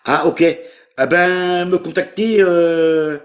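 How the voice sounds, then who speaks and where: Halting French man in his fifties. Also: a little high, fairly even intonation. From France. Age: 50s. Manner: hesitant, halting, searching for words. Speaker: caller seeking a partner. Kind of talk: casual live call.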